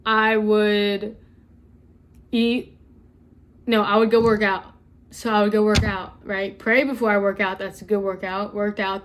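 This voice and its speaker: Young woman vlogger, chatty and earnest, speaking at a middle pitch straight to camera. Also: a bit bright. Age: young adult. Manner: chatty and earnest, addresses viewers as y'all, lots of "like". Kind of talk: casual faith vlog, talking to camera.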